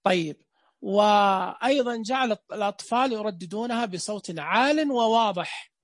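Guy teaching a class on reading, loud clear voice, dry close sound, keeps asking then answering himself. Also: sits high, moderate pace, no echo. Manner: explanatory, asks and answers his own questions. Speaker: teacher trainer.

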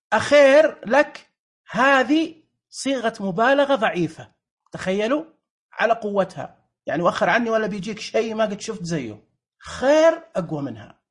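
A lecturer delivers a lively slide presentation. The voice sits at a middle pitch with a husky, breathy texture, and the delivery is emphatic and animated, with repeated rhetorical questions to the audience.

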